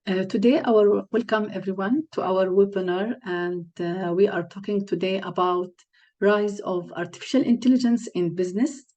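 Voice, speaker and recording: A woman's voice: medium pitch, moderate pace, darkish tone. A woman from Palestine hosting an online webinar on a video call, speaking with frequent fillers and restarts. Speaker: webinar host and lead coach.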